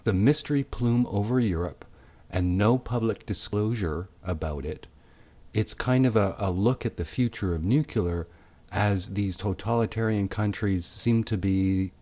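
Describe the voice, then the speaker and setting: Deep-voiced casual man host. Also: dark tone. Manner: casual, conversational. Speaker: podcast host. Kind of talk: interview.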